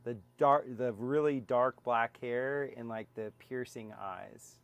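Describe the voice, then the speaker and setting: A man with a smooth, resonant voice talks in a loose, rambling way, trading jokes as he hosts a casual livestream. The sound is close and dry, with no room around it. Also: mid-range voice, slow, no room sound. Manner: rambling, jokey storyteller. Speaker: livestream host. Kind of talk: casual chat. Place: outdoor porch.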